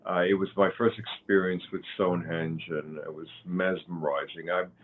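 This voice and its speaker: A man around sixty from Cuba, a guest in an interview, talking slowly and haltingly with many fillers and restarts. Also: low voice, fairly even intonation. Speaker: guest, author and pagan high priest. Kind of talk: interview conversation. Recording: thin phone-like line.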